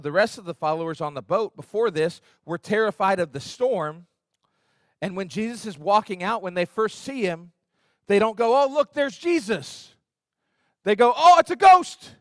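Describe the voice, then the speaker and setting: A pastor preaching a conversational sermon in a church, acting out quotes in an earnest, lively way. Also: male voice, high voice, no echo, clean studio sound. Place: church sanctuary.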